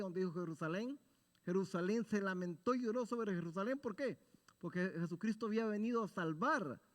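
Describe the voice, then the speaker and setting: A man leads a Bible study in the manner of a sermon, earnest and exhorting, putting rhetorical questions to his listeners and answering them himself. His voice sits fairly high for a man. The sound rings on in the long reverb of a church sanctuary.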